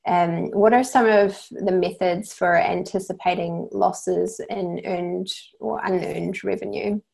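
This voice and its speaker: Hosting a webinar, a New Zealand woman with a lowish voice and noticeable gravelly fry moderates an online panel. She speaks slowly, evenly, and levelly, calmly thanking the speakers and reading out questions.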